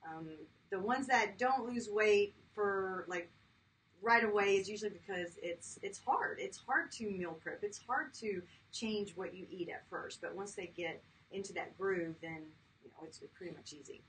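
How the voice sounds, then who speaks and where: A woman's voice: medium pitch, normal speed, fairly bright tone. A woman in her fifties, a chiropractor, talking casually as an interview guest with lots of fillers. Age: 50s. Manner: chatty, laughs easily, many fillers. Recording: distant mic with faint background noise.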